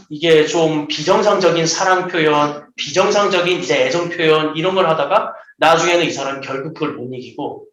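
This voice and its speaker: A man preaching a sermon to children, telling stories and acting out the voices of the people in them. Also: on the high side. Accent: Seoul Korean. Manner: lively, acts out quoted voices. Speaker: children's pastor. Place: church hall. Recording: echoey room.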